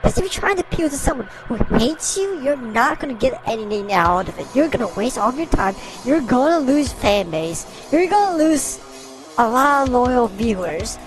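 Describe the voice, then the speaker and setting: Animated woman through a voice changer. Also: on the high side, normal speed, music in the background, rough recording. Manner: exasperated, blunt, slangy. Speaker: reaction video host. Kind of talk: casual reaction commentary.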